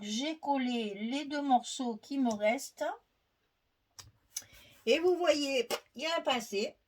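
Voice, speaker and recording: Chatty woman hosting a craft tutorial. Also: high-pitched. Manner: chatty, thinks aloud, frequent fillers; laughs at herself. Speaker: scrapbooking tutorial host.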